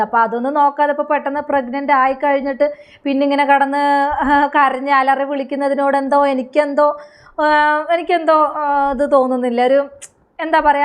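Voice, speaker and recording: A woman with a Kerala Malayalam accent commenting on a video in a casual, hesitant way, with many drawn-out fillers. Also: high voice.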